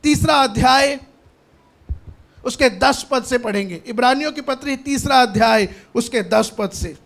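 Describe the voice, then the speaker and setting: A man's voice: extremely high pitch, a little slow, vocal fry, a bit bright. A man preaching a sermon as pastor, emphatic, often raising his voice and repeating lines after a reader.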